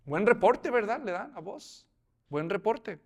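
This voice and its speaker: A man delivers an expository sermon, voicing the characters in each scene and posing questions to his listeners. His voice is high-pitched and very animated, the pace a little slow, and the recording sounds muffled.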